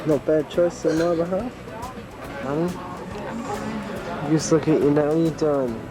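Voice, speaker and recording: A man's voice: a little high, a little slow, a crowd in the background. Teasing man on old VHS tape. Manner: chatty and teasing, laughs often. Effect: old VHS camcorder tape audio. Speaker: camera operator on a road trip. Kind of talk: casual home-video commentary. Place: in and around a van on mountain roads. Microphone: built-in camcorder mic.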